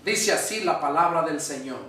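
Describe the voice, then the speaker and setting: A man preaching a sermon as pastor, asking rhetorical questions and reading scripture aloud with slow, deliberate delivery. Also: fairly high pitch, lively intonation, pushed and bright, distant mic. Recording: echoey room, voice from off-mic.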